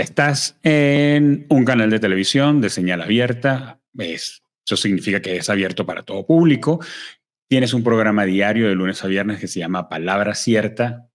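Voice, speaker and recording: A man hosting a podcast, posing long, carefully framed interview questions. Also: fairly low pitch. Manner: long, framing questions with listed details.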